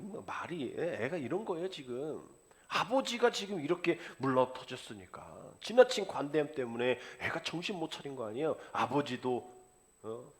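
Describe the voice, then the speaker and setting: A male pastor preaching a sermon, acting out the characters' words in lively dialogue. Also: medium pitch. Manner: animated preaching, acts out the father and son in dialogue.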